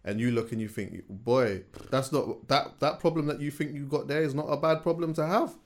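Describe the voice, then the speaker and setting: A young man, co-hosting a podcast in casual chat, telling animated stories and dropping to quiet asides. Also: mid-range voice, brisk, a crowd in the background. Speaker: podcast co-host.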